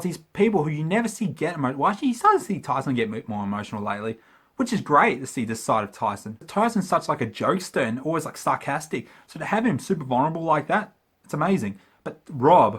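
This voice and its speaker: A man's voice: a little high, a bit bright, breathy edge. A man giving a casual, chatty review of a TV show, using lots of fillers and getting emotional as he talks. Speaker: video reviewer.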